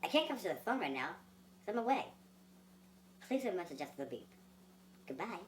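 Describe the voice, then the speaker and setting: A young man voicing his mother's answering machine greeting, heard over a landline phone, quick and chirpy. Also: high voice, big pitch swings, voice pushed up. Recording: distant, echoey, with a faint hum.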